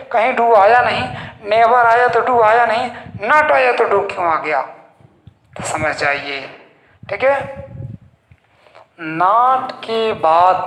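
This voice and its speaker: A male English teacher giving a slow, explanatory grammar lesson in Hindi, posing rhetorical questions and answering them himself. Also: high voice, vocal fry, a bit bright. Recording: echoey room.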